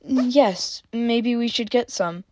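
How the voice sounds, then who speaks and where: A woman reading a female wolf minotaur warrior with a soft, flat, blank delivery. She speaks slowly, and the sound is close and dry. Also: a little high, no echo, voice pushed up.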